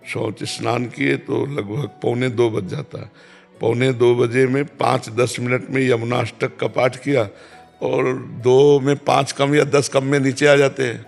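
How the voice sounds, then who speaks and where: A man, calmly answering devotional questions as a spiritual teacher and repeating key phrases. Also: medium pitch, gravelly. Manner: calm, repeats key phrases, chants verses slowly.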